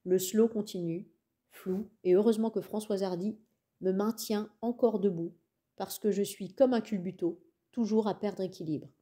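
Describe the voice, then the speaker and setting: A woman reading a young-adult novel aloud as an audiobook, in calm, measured first-person narration. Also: mid-range voice. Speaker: audiobook reader.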